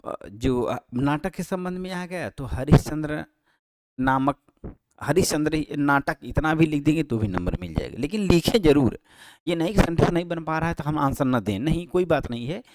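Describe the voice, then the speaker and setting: A man's voice: on the high side, animated, a little mellow, no room sound. Man teaching, mic held close. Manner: explains slowly in Hindi, repeats answers, frequent fillers and self-corrections. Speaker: Sanskrit teacher. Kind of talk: exam-prep lesson. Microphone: handheld microphone held close.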